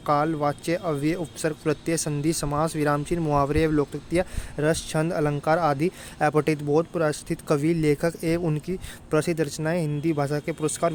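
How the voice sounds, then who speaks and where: The young man's voice is a little high, carrying a faint hiss or hum. Tutoring students for an exam, he talks in a relaxed, colloquial way, addresses them as "brother" repeatedly, and frequently confirms they're keeping up.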